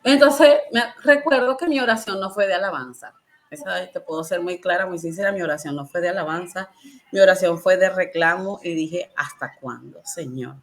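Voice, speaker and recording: A woman's voice: on the low side, fairly quick. A woman with a Venezuelan accent, telling her personal faith story in a colloquial, emotional way and laughing often. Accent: Venezuelan Spanish. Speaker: testimony guest.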